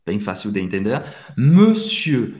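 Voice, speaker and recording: A man teaching a language lesson, modelling pronunciation with drawn-out, expressive repetition. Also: lowish voice, echoey room. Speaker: French teacher.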